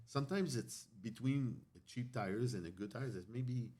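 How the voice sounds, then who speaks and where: A man's voice: medium pitch, measured pace, warm tone. A man who works in the tire business, chatting earnestly with slightly broken phrasing. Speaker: tire industry guest. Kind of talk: casual podcast chat.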